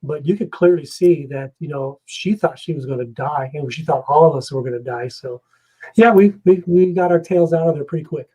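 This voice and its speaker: A man, a guest investigator, telling a story in a casual, animated way and acting out the scenes. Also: fairly high pitch, a little fast, husky, low-quality recording.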